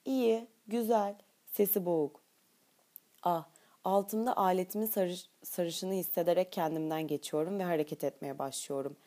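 A woman narrating an audiobook in first person with a steady, intimate reading. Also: on the low side, normal speed.

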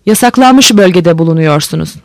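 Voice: mid-range voice, lively intonation, brisk, no echo, lightly acted. A reader doing a curt navy captain. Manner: curt orders, formal politeness. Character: male navy boat captain, curt and formal.

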